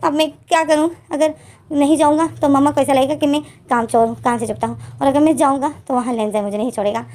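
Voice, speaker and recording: Woman doing cranky young guy, indignant, high voice. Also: fairly even intonation, quick pace, a little mellow, lightly acted. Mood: exasperated. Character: young man, sulky and easily angered.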